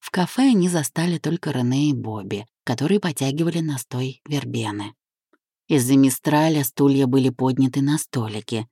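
A woman narrating a literary audiobook in a measured, even reading. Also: very deep voice, slightly rough, no room sound, studio quality.

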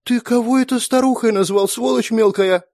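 A man voicing a sharp-tongued young woman who scorns her younger brother, sarcastic and quick to threaten. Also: mid-range voice, very animated, dry recording, studio quality, pitched above the performer's own voice. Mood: outraged.

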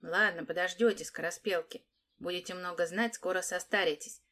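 A woman's voice: lowish voice, fairly even intonation, sharp tone. Woman doing a brash, sly teenage girl. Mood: teasing. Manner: brash, mocking, quick patter.

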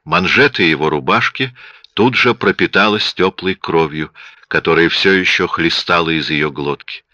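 A man reading a story as an audiobook narrator, in a steady even delivery, on dull lo-fi audio. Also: sits low, normal speed, dry recording. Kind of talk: scripted narration.

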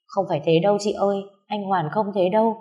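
A woman's voice: medium pitch, steady tone, fast, mellow, lo-fi sound, lightly acted. A woman voicing a heartbroken young mother who pleads and apologizes tearfully. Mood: pleading.

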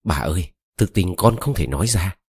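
A man's voice: deep voice, lively intonation, moderate pace, darkish tone, breathy edge, no room sound, exaggerated voice. A man voicing a desperate, lovesick young woman who pleads tearfully, read close to a dry mic. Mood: pleading.

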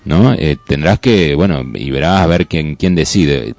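A man with a Rioplatense Argentine accent co-hosting radio commentary in a hesitant, halting way, often repeating words. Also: rumbling low, vocal fry, a little mellow, dry recording. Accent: Rioplatense Argentine Spanish. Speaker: radio co-host.

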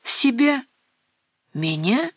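A woman's voice: very animated, very slow, husky, no echo, studio quality, full character voice. A woman voicing a middle-aged mother at her wits' end, speaking sharply in a raised, strained voice. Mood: frantic. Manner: sharp, shouting, raised pitch.

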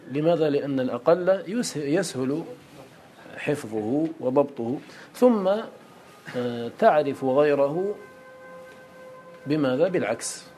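A man's voice: fairly high pitch, warm tone, slight background noise. A man teaching a lesson on a classical poem, who asks rhetorical questions and answers them himself. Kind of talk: lecture explaining a classical poem.

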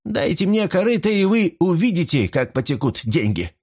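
A man voicing a fussing, warm-hearted servant woman who dotes on her young mistress. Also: mid-range voice, animated, normal speed, voice pushed up, natural voice. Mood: determined. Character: warm-hearted middle-aged female servant.

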